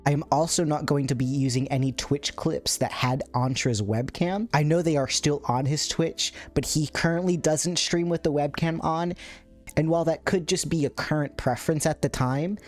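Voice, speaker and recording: A man narrating a video essay about a streamer in a chatty, playful way, with self-aware asides. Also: on the high side. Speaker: content creator. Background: faint background music.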